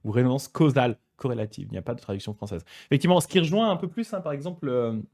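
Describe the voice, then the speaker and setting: A man with an ordinary mid-range voice teaches on a live stream, explaining ideas in a loose, conversational way. He pauses and restarts often as he thinks aloud, and he slows down to read passages before discussing them. His delivery sounds like an informal study group rather than a formal lecture. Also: mid-range voice. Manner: relaxed, explanatory, chatty with frequent hesitations; reads passages aloud slowly, then comments. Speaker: Buddhist teacher.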